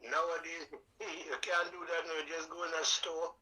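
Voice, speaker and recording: Older Trini calypso man, bright forceful tone, folksy storyteller. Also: on the high side, moderate pace, poor audio. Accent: Trinidad and Tobago. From Trinidad and Tobago. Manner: folksy and animated, sings out sound effects. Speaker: calypso singer guest. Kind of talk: storytelling interview.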